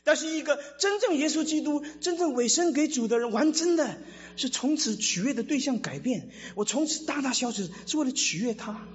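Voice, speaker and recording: A male pastor giving an animated sermon, full of rhetorical questions and acted-out voices. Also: very high voice, a little fast. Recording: reverberant hall, dull lo-fi sound, faint music.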